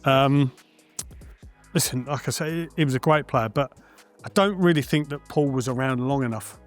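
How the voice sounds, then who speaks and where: A former darts player appears as a guest on a casual panel, speaking frankly and warmly with lots of "um," "listen," and hedging. His voice is medium-pitched at a moderate pace, with faint music in the background.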